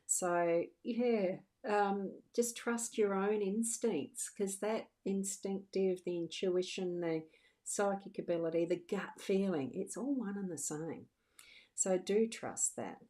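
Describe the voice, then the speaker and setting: Speaking slowly in a warm, mid-range voice, this Australian woman in middle age works as a psychic medium giving live card readings. She talks casually and comfortingly to her livestream audience, frequently restarting what she's saying.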